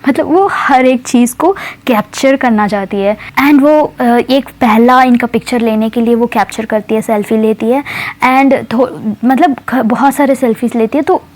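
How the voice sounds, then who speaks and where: A woman with a slightly high voice tells a story in a relaxed, chatty way. She pauses often with small fillers and drops English words in as she goes. It sounds like casual, informal storytelling.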